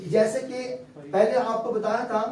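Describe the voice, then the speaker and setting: A man's voice: extremely high pitch, little pitch movement, a little mellow. A male recitation teacher giving a patient classroom lecture, explaining step by step and checking often that his students follow. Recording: echoey room, distant mic, faint background hum.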